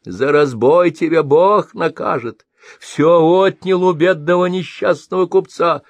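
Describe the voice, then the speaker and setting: A man's voice: a little slow, dry recording. A man doing a whining old blind merchant. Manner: whining, complaining, shrill. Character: greedy wheedling old blind male merchant.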